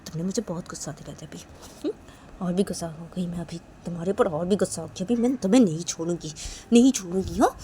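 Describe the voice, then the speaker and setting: A woman's voice: lowish voice, fast talker, mellow, a little hiss or hum, lightly acted. A woman voicing a jealous, hot-tempered young woman who scolds and nags. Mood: scolding. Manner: scolding, nagging with repeated "haan?". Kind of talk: storytelling role-play.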